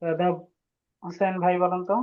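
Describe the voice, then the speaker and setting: A man leads an online pronunciation lesson, stretching each sound slowly and asking students to repeat. His voice sits high. It comes through a tinny, phone-like line. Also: level tone. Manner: patient, drawn-out demonstration of sounds, calls on students. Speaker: Arabic alphabet teacher. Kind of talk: online class teaching pronunciation.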